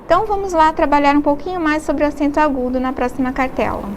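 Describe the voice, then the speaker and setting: A woman's voice: sits high, fairly even intonation, fast talker, slight background noise. A woman with a Brazilian Portuguese accent teaching a recorded distance-learning lesson, explaining patiently step by step and often checking in with her students.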